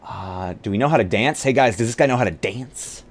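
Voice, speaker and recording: On a live tabletop game stream, a man with a mid-range voice speaks fairly quickly, musing aloud and joking around with a bit of profanity. He's a roleplay streamer and player putting together a character, and background noise is clearly audible.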